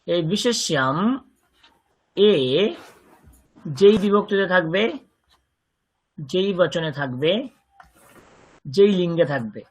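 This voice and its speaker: A man's voice: high-pitched, animated, takes it slowly, pauses often. A man with a Bengali accent teaching a Sanskrit grammar lesson, patiently explaining and repeating words for his students. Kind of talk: online language lesson.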